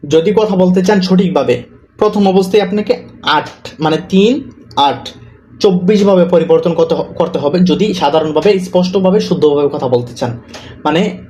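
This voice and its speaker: Man teaching word by word, slightly higher voice. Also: warm tone, slight background noise. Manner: slow, repeats each example word. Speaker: Arabic teacher. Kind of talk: explaining a course PDF.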